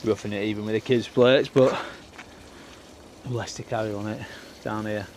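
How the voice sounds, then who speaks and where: A man's voice: on the low side, steady tone, moderate pace, darkish tone, slight background noise. A man, vlogging casually and chatting in a rambling way while working outdoors on his allotment and in a greenhouse. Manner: chatty and rambling, with filler words. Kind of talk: casual vlog chat.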